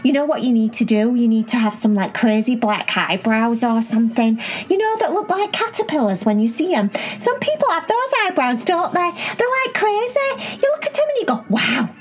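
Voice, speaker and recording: A woman voicing Cherry, a bubbly, excitable young girl who rambles on in a squealing high voice. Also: normal speed, hardly any pauses. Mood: gushing.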